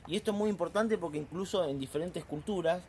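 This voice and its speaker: A man's voice: high voice, fast talker, crowd noise. A man from southern Argentina with an Argentine accent, interviewing a guest in casual talk and building his points hesitantly. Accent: Argentine Spanish. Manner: hesitant, with restarts and fillers while building a point.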